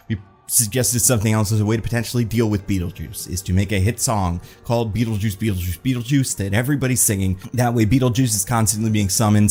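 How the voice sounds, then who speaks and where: A man with a fairly low voice talks through a TV episode in a loose, chatty review. He is animated and leans on "like" as a filler. Faint music sits underneath him. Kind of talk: casual review monologue.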